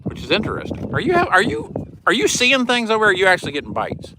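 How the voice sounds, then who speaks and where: A man's voice: high-pitched, huge pitch swings, fast, noisy background. A man with a Southern US hillbilly accent chats casually and saltily on a fishing livestream, recorded outdoors on a boat. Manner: folksy, colloquial, salty-tongued.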